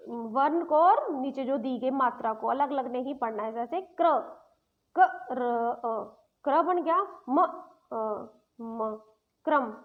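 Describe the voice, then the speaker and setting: A woman school teacher giving a grammar lesson to young pupils, spelling out letters and words slowly one by one. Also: high voice. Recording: tinny phone-like audio.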